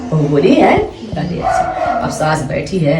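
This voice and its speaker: A middle-aged woman with an Uttar Pradesh accent tells a devotional folk story in a lively, repetitive oral style. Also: low voice, measured pace, music in the background. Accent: Uttar Pradesh Hindi. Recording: roomy, distant phone recording with chatter.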